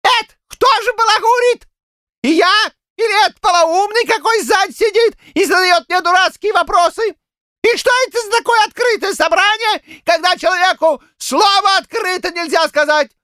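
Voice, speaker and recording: A man voicing a quarrelsome old village man in a shrill falsetto, rambling and shouting in heated bursts. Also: sing-song, moderate pace, no echo, studio quality, exaggerated voice. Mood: furious.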